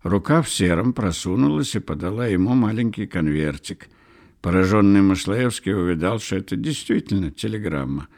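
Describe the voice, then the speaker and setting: A man reading a novel aloud as an audiobook narrator, measured and expressive. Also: sits low. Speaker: audiobook reader. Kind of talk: scripted literary narration.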